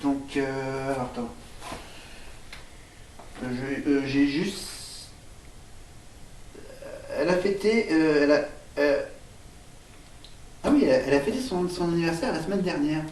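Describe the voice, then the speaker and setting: A man vlogging casually, hesitating with fillers and restarts while he writes on a board and spells words out loud. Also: on the high side, animated, measured pace, pauses often, recorded from a distance. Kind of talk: rambling casual vlog, spelling words aloud. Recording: echoey room, voice off-mic, faint noise.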